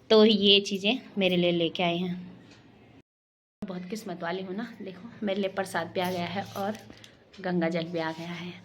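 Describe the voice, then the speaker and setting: A young woman from Garhwal, chatting fast and cheerfully to her viewers in a casual home vlog. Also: mid-range voice, fairly bright tone. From Garhwal, Uttarakhand. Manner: fast-talking, chatty, addresses viewers as guys. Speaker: vlogger.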